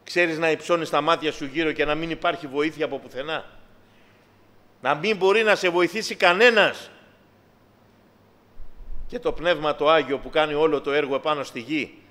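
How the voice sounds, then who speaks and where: Middle-aged guy preaching his testimony, fervent and getting loud, slightly high voice, big echoey hall. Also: long pauses. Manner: fervent, rising to loud preaching, addresses listeners as brothers and sisters. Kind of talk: evangelical testimony sermon. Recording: long hall reverb.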